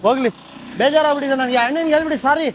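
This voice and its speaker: A man's voice: very high-pitched, fairly even intonation, very fast. A man with a Kannada accent playing a street prank, repeating the same question over and over. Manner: insistent, repetitive questioning. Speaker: prankster host. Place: outdoors on a street. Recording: noisy street with traffic.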